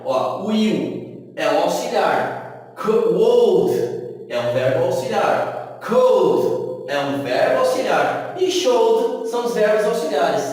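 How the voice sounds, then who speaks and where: Slow-drilling teacher in an echoey room. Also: male voice, high-pitched, very animated, darkish tone. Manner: drills phrases slowly, often half-singing them. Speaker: English teacher. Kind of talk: language lesson with repetition drills. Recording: echoey room, distant mic.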